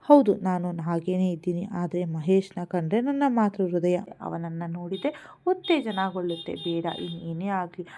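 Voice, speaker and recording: A woman reading the lines of a tender, doting older widowed mother in a storybook, gently scolding. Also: fairly low pitch, moderate pace, a little hiss or hum, close to an everyday voice.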